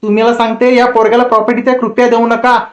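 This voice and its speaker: A man voicing a meddling, preachy woman passenger with a shrill manner. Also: level tone, racing, lo-fi sound, natural voice. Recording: roomy echo.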